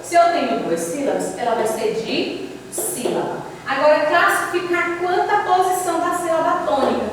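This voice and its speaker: A woman's voice: very high voice, lively intonation, moderate pace. A woman teacher explains a lesson step by step and keeps saying "ó" as she points to the board. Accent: Brazilian Portuguese. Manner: explains step by step, often says "ó" while pointing. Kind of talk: recorded classroom lesson. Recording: echoey room, distant mic, faint noise.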